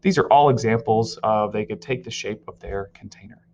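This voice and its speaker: A man's voice: on the low side, brisk, a little mellow, slight background noise. A male teacher giving a recorded virtual science lesson, explaining step by step and telling students what to write down. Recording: slightly dull lo-fi audio.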